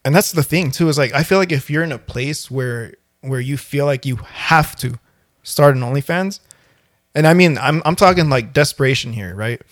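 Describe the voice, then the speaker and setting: A young man co-hosting a podcast in casual banter, animated, slangy and freely profane. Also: medium pitch, normal speed, dry recording, studio quality. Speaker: podcast co-host.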